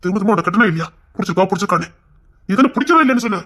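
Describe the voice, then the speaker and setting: A man's voice: high-pitched, expressive, racing, a bit bright. A man playing a brash young man who challenges the woman he loves, then turns guilty and pleading. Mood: angry. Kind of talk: screen drama acting.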